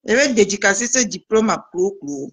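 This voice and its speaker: A woman's voice: mid-range voice, moderate pace, breathy edge. A woman vlogger, chatting casually and teasingly to her viewers. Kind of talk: casual live video chat.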